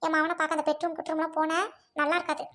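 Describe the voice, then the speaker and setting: A woman's voice: high voice, flat delivery, rapid-fire, pushed and bright. A woman playing a domineering rich mother-in-law who scolds and threatens, in an amateur family drama. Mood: scornful. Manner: bossy, scolding, harsh commands.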